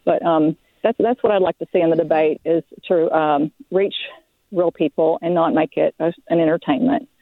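A woman from Arkansas calling in to a radio show while out walking, a little out of breath, speaking politely and hesitantly with many pauses. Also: low voice, fairly even intonation, no room sound. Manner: hesitant, polite, lots of ums. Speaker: caller. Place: outdoors walking. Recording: phone line.

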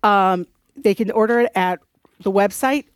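A woman's voice: mid-range voice, a little slow, smooth, no echo. Woman w a bit of north dakota accent, radio interview chat, dry studio sound. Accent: North Dakota, mixed with other areas. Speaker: radio show guest, resource center director.

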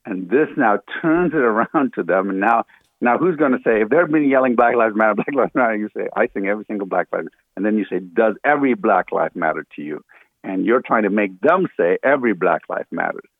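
Over a dry, tinny phone line with no echo, a man with a fairly low, expressive voice speaks fairly quickly as a radio interview guest. Born in Ghana and raised in Africa, he lays out his view earnestly, full of fillers and restarts.

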